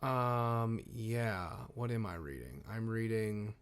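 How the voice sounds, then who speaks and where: A man's voice: on the low side, expressive, slow, clear, resonant tone. A man co-hosting a podcast, talking casually and a little hesitantly. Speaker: podcast co-host. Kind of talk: casual conversation.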